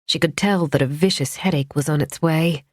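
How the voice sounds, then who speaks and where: Woman narrator, low register, measured and tense, dry studio read. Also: a little mellow, dry recording. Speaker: audiobook narrator. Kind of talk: scripted narration.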